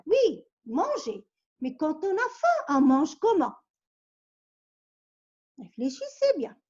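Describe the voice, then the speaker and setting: Slow, lively high-voiced woman teacher. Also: highs cut off. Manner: coaxing, patient, asks questions and gives hints. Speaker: primary school teacher. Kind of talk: reading riddles to pupils in a vocabulary lesson.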